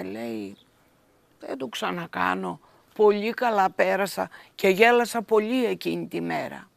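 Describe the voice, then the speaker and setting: Gravelly woman telling a folk tale. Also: medium pitch. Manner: slow, expressive, rhyming folk openings. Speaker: storyteller. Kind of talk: fairy tale narration.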